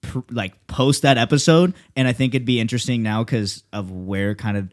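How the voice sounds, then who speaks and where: A man's voice: mid-range voice, normal speed. A young man hosts a laid-back podcast and talks loosely. He swears freely and fills his sentences with likes and you-knows. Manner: loose and profane, lots of fillers. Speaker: podcast host. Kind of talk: casual podcast chat.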